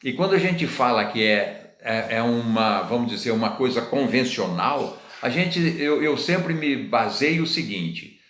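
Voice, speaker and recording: A middle-aged Brazilian man with a Brazilian Portuguese accent gives an informal sermon teaching, preaching conversationally, repeating phrases and posing rhetorical questions to his listeners. His medium-pitched voice is expressive and fairly bright, at a measured pace with few pauses. The recording has a roomy echo.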